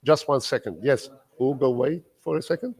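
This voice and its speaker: Gravelly man chairing a lecture. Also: medium pitch, moderate pace, darkish tone. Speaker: event chair. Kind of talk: opening remarks at a lecture.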